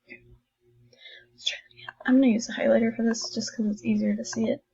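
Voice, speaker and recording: A woman teacher walks her students through math problems in a recorded online lesson, chatting and encouraging them as she writes. Her voice is dark and gravelly, with a husky edge. The recording sounds dull and lo-fi. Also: a little high, flat delivery, quick pace. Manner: chatty, encouraging, thinks aloud while writing.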